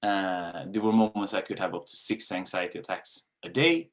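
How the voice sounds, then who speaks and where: With a deep voice at normal speed, this man in his thirties from Sweden speaks in a Swedish accent. He's a dance coach delivering a candid webinar, full of casual fillers and the odd swear word.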